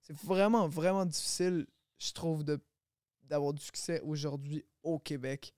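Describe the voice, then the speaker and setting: A man guesting on a podcast as a rapper, speaking in a candid, easygoing way, a little self-deprecating. His voice sits slightly high and sounds smooth and clean, recorded dry and close. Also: measured pace, a little mellow, no room sound. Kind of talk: casual chat.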